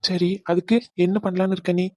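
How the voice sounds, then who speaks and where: A patient young groom from a cartoon coaxes and soothes his bride, played by a woman. The voice is low and mellow and moves quickly. It is recorded dry and close. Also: level tone, dry recording, lightly acted. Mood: placating. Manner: coaxing, placating. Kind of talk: cartoon voice acting.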